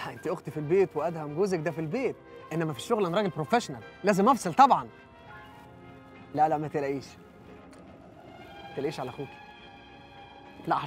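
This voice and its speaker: A man's voice: high-pitched, fairly bright tone. An actor playing a glib, playful young Egyptian man, a younger brother in a TV drama. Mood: breezy. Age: young adult. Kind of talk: naturalistic TV drama acting. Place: outdoor café terrace.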